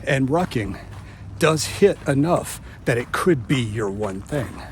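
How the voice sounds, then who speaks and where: Out on a walking route, a man in his 50s vlogs about fitness as he exercises, breathless and talking casually to the camera through a gap from a missing front tooth. His medium-pitched voice is animated, though he speaks at a slow pace. Passing vehicles and general outdoor sounds fill the background.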